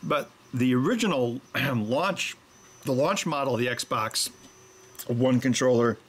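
A middle-aged man who makes electronics and hosts a show talks casually while soldering at his workbench. His medium-pitched voice has a breathy edge and a measured pace, and his chatty explanation keeps drifting into joking tangents.

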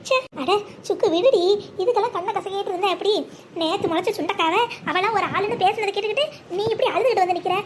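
A blunt old village grandmother in a cartoon. She talks very high and quick, scolding everyone around her without pausing. A light hiss sits under the track. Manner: scolding, blunt, fast-talking. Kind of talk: Tamil cartoon voice acting.

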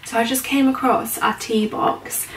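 This thirties-aged British home vlogger talks informally to camera, her pitch a little high, her tone steady and her pace normal. She's indoors in a kitchen and small utility room, and the recording is echoey, distant-miked and noisy.

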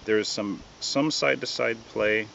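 A man giving a casual, relaxed product review outdoors, hesitant and full of ums and uhs. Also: on the low side, a little slow, creaky, highs cut off, slight background noise. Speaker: gun reviewer.

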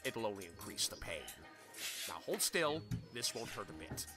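An actor voicing a manic, theatrical male chaos spirit who dotes on a pony, swinging from booming to hushed. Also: big pitch swings, normal speed. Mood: fussy. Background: music.

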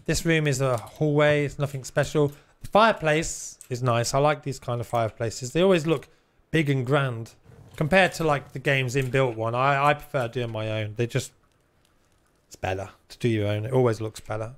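A man's voice: medium pitch, moderate pace, smooth. A man giving casual, chatty live gameplay commentary with some teasing. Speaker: game streamer.

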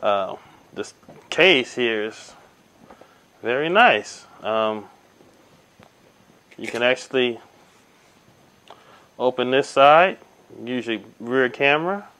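A man's voice: mid-range voice, expressive, takes it slowly, long pauses, bright, forceful tone. A man giving a casual hands-on tech demo at a table indoors, narrating each step with frequent ums and uhs. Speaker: tech reviewer. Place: indoors at a table by window blinds.

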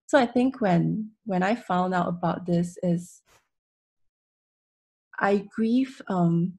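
A woman's voice: fairly low pitch, slow pace, darkish tone, husky. A young woman giving a solemn, heartfelt, informal memorial tribute on a video call. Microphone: video call, computer microphone.

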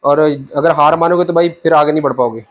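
A man's voice: a little high, fairly quick. A young man, a barber, teaching a haircut step by step to camera in a small shop, chatty and brotherly, speaking on a lapel mic. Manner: chatty, brotherly, keeps saying "theek hai". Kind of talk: hands-on tutorial talk to camera. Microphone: clip-on lapel mic.

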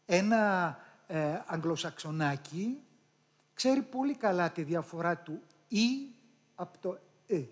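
Animated Greek man coaching an audience. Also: fairly high pitch. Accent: Patras Greek. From Greece. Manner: animated, demonstrates sounds aloud, addresses the audience directly. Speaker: public speaking coach. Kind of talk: live talk to an audience. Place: room with a live audience.

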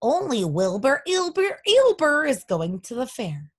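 A woman doing a shrill, snappish mother goose. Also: very animated, measured pace, breathy edge, heavily acted. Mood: scolding. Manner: snappish, stammering repeats.

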